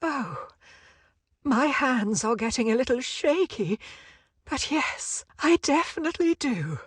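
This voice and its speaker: A woman playing a genteel, sentimental older book lover in a game story, gentle and polite in manner. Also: a little high, sing-song, slow, no echo, clean studio sound, heavily acted. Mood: surprised, shaky. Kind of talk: scripted game story dialogue.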